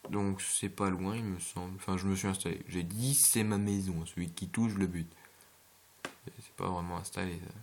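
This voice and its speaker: Low, gravelly man rambling over gameplay. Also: fairly even intonation, normal speed. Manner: rambling, hesitant, with jokey asides. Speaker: gameplay video maker. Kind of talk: casual gameplay commentary.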